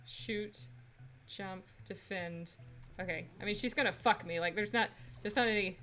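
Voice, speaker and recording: A woman's voice: medium pitch, normal speed, sharp tone, faint music behind. A woman on a casual let's play, reading game lines and commenting in a playful, sweary way. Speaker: gamer and co-host.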